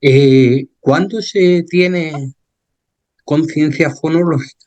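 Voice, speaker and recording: Very slow, hesitant male radio host. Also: on the high side, dark tone, dull audio. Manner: short hesitant questions with fillers. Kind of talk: interview questions.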